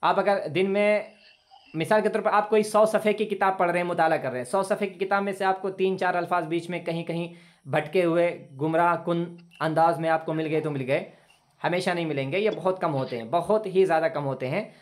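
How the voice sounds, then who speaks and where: Over a video call, a man leads an online English lesson in a high, steady voice. Patient in his explanations, he goes over points repeatedly and draws out example sentences slowly.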